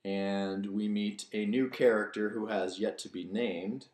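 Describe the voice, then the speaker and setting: This author reads his own novel and chats casually about it, his voice on the low side with a steady tone and measured pace. The recording has background noise and a roomy, echoing sound.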